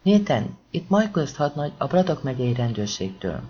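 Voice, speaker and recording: A man's voice: a little high, sing-song, dark tone. A male narrator voicing a firm, urgent police lieutenant who speaks tersely. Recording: dull lo-fi audiobook recording.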